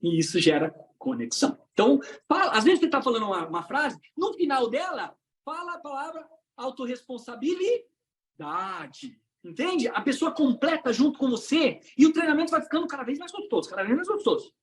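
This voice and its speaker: A woman with a Brazilian Portuguese accent giving an online coaching talk for trainers, swinging between loud emphasis and hushed low phrases. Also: sing-song, fairly quick. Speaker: trainer and motivational speaker.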